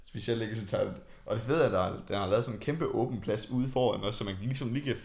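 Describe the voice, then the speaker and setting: Young man, gravelly voice, hesitant casual chat, echoey room. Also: lowish voice, a little mellow. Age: young adult. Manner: hesitant, many fillers and restarts.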